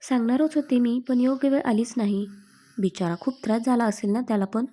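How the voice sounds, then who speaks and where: A woman's voice: fairly high pitch, fairly even intonation, fairly quick, dark tone, natural voice. A woman voicing a loving, playful young bride-to-be with a coaxing manner. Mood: tender.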